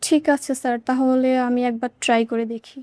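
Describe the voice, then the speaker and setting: Lady doing a polite assistant, high quick voice, dry. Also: steady tone, darkish tone, no echo, close to an everyday voice. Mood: deferential. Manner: deferential. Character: deferential young office assistant. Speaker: office assistant. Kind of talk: TV drama acting.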